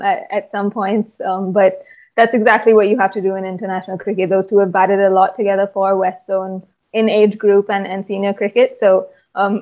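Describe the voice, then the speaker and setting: A young woman with an Indian English accent breaks down a cricket innings on a video call. She keeps her tone level and even, and she pauses on plenty of ums. Her voice sits in an ordinary middle pitch and comes through an earphone mic. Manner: measured, analytical, with frequent ums. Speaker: cricket analyst. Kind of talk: post-match video call discussion. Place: small room indoors.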